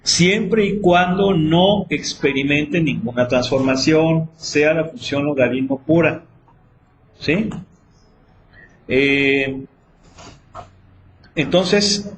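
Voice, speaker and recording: A man's voice: a little high, slight background noise. A man teaching math in a classroom, quizzing students with repeated questions. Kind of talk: classroom lecture.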